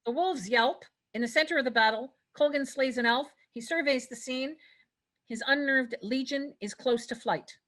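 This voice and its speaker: Reading stage directions for a table read, a woman with a fairly high voice moves at a moderate pace and sounds slightly bright. The narration is scripted, and she now and then stumbles over a word.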